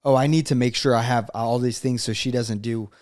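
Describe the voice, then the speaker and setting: A man's voice: medium pitch, steady tone, a little fast, darkish tone, no echo, studio quality. Plain-spoken American man in casual advice chat. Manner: plain-spoken, opinionated, voices imagined quotes. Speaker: co-host giving dating advice.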